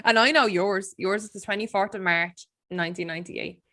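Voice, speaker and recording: A woman's voice: mid-range voice, fairly quick, pushed and bright, dry recording, clean studio sound. A woman in her twenties co-hosting a podcast over a video call, chatty and teasing and swearing freely. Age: 20s. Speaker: podcast co-host. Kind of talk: casual chat.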